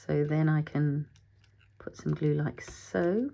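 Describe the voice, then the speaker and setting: A woman's voice: sits low, fairly even intonation, takes it slowly, vocal fry, mellow. A middle-aged woman hosting a casual craft tutorial, chatting as she works, thinking aloud and talking to her materials, sometimes dropping to a whisper.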